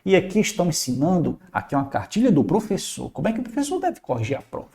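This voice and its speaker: A Brazilian man leads a recorded exam-prep lesson, his voice rising and falling in wide, lively swings. He sounds casual and animated as he keeps drawing attention to examples in front of him. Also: on the high side, quick pace, vocal fry. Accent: Brazilian Portuguese. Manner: animated, conversational, points at examples on screen.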